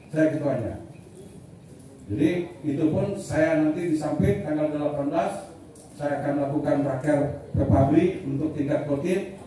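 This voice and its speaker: A middle-aged man leading an organization, giving a blunt, military-style rallying speech that builds to loud repeated declarations. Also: a little high, moderate pace. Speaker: leader of a community organization addressing members. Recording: echoey hall, mic far off, faint noise.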